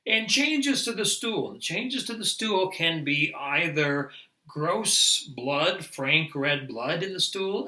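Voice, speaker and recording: A man teaching nurses in a lively, emphatic lecture, now and then laughing at himself. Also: on the high side, reverberant, rough recording. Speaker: nurse educator. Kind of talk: medical lecture.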